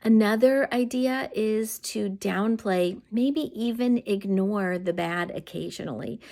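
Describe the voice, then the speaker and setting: A woman hosting a homeschooling advice talk, speaking in a gentle, earnest way and turning bright and sing-song when she quotes praise to a child. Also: fairly low pitch. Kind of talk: casual advice talk to camera.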